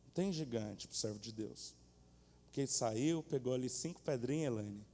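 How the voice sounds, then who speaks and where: Pastor em culto: animado, próximo da congregação, ambiente de igreja com eco longo. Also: male voice, medium pitch, moderate pace. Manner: animated, colloquial, addresses congregation directly. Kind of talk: sermon. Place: church stage. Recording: echoey church hall.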